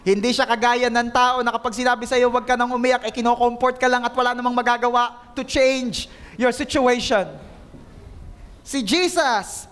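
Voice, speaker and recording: A man's voice: extremely high pitch, fairly even intonation, normal speed, a bit bright, clear, resonant tone. A male pastor giving an emphatic sermon, calling on the congregation to repeat after him and mixing Tagalog with English.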